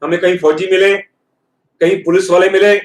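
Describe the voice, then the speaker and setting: A man, a professor, giving an earnest motivational talk in a lecture hall and slowing down to stress key words. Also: high voice, flat delivery. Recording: echoey hall, speaker far from mic.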